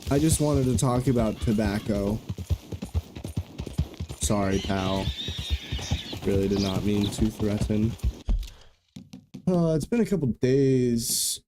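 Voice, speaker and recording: A man's voice: fairly low pitch, animated, slow pace, long pauses, background noise. A young man from Arizona with no regional accent, giving casual, jokey let's play commentary and swearing freely. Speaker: gamer streaming a playthrough. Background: game music and horse hooves.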